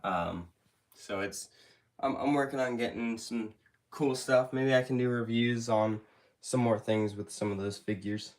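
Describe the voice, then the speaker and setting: A young YouTube creator hosts a casual live Q&A stream, recorded on a handheld phone camera. His medium-pitched voice, at a measured pace, sounds stuffy from allergies, and he speaks in a rambling, hesitant way with many fillers.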